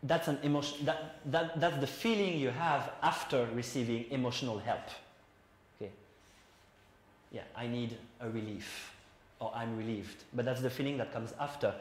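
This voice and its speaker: A man's voice: mid-range voice, measured pace. Male teacher in an echoey classroom. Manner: explanatory, chatty, asks the class questions. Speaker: English teacher. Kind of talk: classroom lesson. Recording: roomy classroom echo, faint noise.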